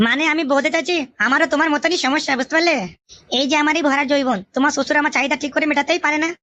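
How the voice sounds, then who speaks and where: A woman voices a flirtatious mother-in-law in a cartoon, coaxing and wheedling in a bright, high voice at a very fast clip. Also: steady tone. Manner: rapid, wheedling.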